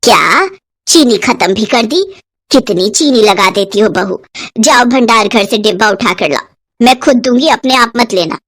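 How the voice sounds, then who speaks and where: This cartoon voice acting features a woman as a penny-pinching, bossy middle-aged mother-in-law, stingy and scolding. She sounds on the high side and a bit bright, expressive at a moderate pace.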